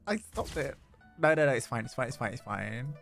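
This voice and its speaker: With an animated, fairly quick delivery, vocal fry, and a fairly bright tone at medium pitch, a man playfully chats through a video game livestream. He repeats phrases and reads dialogue at times over the game's music.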